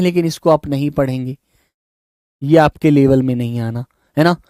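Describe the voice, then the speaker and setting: High-voiced teacher, dry sound. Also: male voice, darkish tone, no echo. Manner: addresses students affectionately as children, frequent "is it not?" checks; explains by listing example words one by one. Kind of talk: online exam-prep class.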